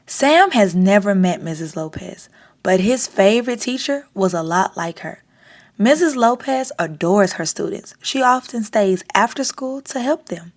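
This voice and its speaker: Pitched in the middle range, this woman's voice carries a picture book read-aloud for children. She hosts storytime and reads with deliberate, expressive care.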